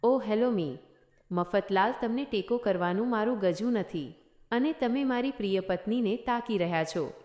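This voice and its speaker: A joking young husband in a storybook tale, read by a woman, always teasing and wisecracking. The voice sits at a middle pitch. It is heard in an echoey room. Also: normal speed, a little mellow, lightly acted.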